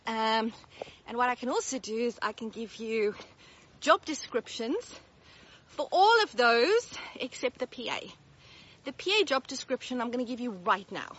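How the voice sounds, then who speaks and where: Walking uphill outdoors, an Australian woman who works as a business mentor talks straight to her viewers in a casual vlog, upbeat, direct and a little out of breath, laughing often. Her fairly high, fairly bright voice swings widely in pitch at normal speed, with the highs cut off.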